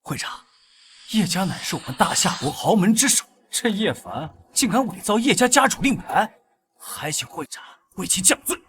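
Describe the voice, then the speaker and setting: A sneering, fawning schemer in a short drama, mocking his rival and flattering his boss. His voice runs high and lively. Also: moderate pace. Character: scheming, fawning young man who sneers at the hero.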